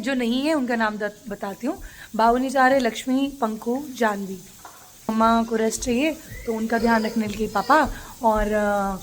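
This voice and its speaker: With a fairly high pitch and a little hiss or hum on the recording, a woman vlogs casually at home to her phone camera. It's her daily family vlog, and she pokes fun at her family as she talks.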